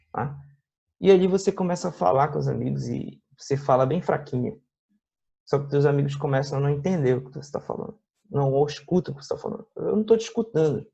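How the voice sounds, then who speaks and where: A man's voice: medium pitch, gravelly, mellow, slightly rough. A man with a Brazilian Portuguese accent teaching a music lesson, explaining patiently with many tag questions and playing guitar examples. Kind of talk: classroom video lesson. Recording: dull lo-fi recording with faint guitar.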